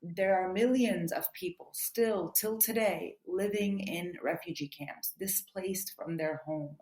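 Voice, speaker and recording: A woman author answering interview questions in an earnest, quick way, often saying "you know". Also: lowish voice, a little mellow. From United States. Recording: roomy echo.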